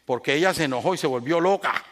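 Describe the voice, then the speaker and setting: A male pastor preaches in a fairly high voice. He jumps from loud, raised lines to soft, low asides and keeps asking his listeners questions. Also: fast. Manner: animated, swings from loud raised phrases to soft low confiding tones; addresses the congregation directly with rhetorical questions. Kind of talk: sermon.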